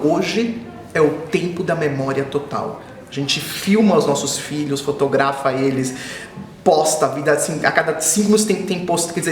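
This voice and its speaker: This children's author, a man in his forties who was born in Israel and grew up in Brazil, talks as an interview guest in a voice on the high side. Reflective, he keeps returning to the same phrases and becomes animated over his stories. The room reverberates, and there's a little hiss or hum.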